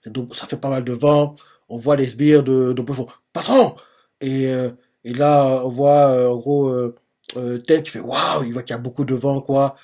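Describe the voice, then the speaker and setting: A man's voice: mid-range voice, little pitch movement, normal speed, warm tone. Rambling male manga reaction streamer. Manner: rambling, heavy use of fillers. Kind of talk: live reading and reaction to a manga chapter.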